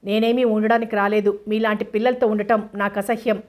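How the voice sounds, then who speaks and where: A woman reads a gaunt older father, bitter and indignant toward his grown daughter. The voice keeps a flat, narrow pitch with little rise and fall, in an audiobook reading. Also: a little fast, lightly acted.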